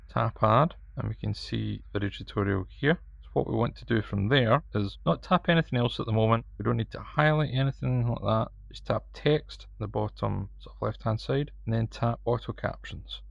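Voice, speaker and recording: A man with a broad Scottish accent talks through a casual tutorial. His voice sits fairly low and is full of gravelly creak. It is recorded in an echoey room. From Scotland. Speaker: tutorial host. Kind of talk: casual step-by-step video tutorial narration. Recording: echoey room, slightly dull sound.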